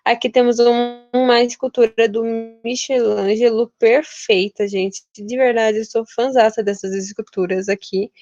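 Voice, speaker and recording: A woman's voice: on the high side, steady tone, measured pace, hardly any pauses, a little mellow. A young woman from Brazil teaching a casual literature lesson, chatty and informal, often restarting her words. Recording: dull, lo-fi and dry.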